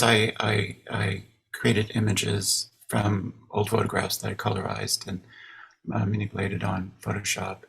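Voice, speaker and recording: A man's voice: mid-range voice, vocal fry, a bit bright, breathy edge. A man from American Samoa, an artist and poet, speaking unscripted on a panel with many fillers and restarts.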